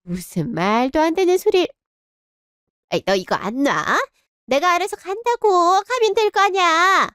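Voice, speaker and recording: A woman's voice: a little high, very animated, normal speed, pauses often, no room sound, studio quality. A woman voicing a harsh, cruel older mother-in-law in a radio drama, scolding and contemptuous. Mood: shrill.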